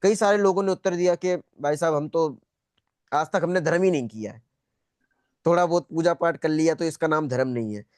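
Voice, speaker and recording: Speaking fairly quickly with a clean tone, a man with a high-pitched voice teaches a spiritual class via video call. He repeats his points in a conversational way and often questions his listeners to confirm they're following. There's little echo in the dry sound.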